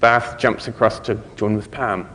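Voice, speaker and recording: A man's voice: fairly low pitch, steady tone, unhurried, fairly bright tone, big-room sound, slight background noise. A man giving a conversational conference talk, explaining things step by step. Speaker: conference speaker.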